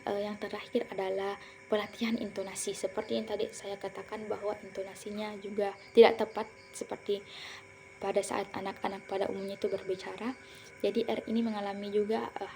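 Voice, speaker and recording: A young woman talks through a class presentation in a mellow, soft-toned voice, stopping now and then on fillers and restarting her words. Faint noise sits under the recording. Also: medium pitch, creaky. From Indonesia. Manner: explanatory, with frequent fillers and self-corrections. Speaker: student presenter. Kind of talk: academic presentation.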